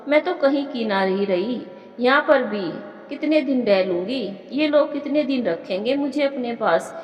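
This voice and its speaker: A woman's voice: a little high, lively intonation, unhurried, muffled recording. A woman voicing a remorseful young daughter-in-law who talks in an anxious, self-reproaching way. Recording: echoey room with long reverb.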